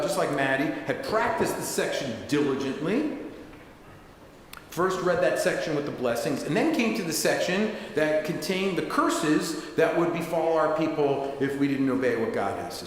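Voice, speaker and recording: A man's voice: a little high, sing-song, moderate pace. A man giving a sermon as a rabbi, telling a story in a conversational way with asides. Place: synagogue sanctuary. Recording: echoey synagogue hall, faint hiss.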